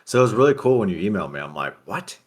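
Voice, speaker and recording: A man guesting on a stream, chatting in an upbeat way. His voice sits a bit low. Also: big pitch swings, very fast. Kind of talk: casual chat.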